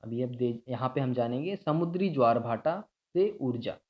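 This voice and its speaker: A man's voice: medium pitch, lively intonation, normal speed. A man explaining a school science lesson step by step, often checking in with his students. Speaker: teacher. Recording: dull lo-fi sound.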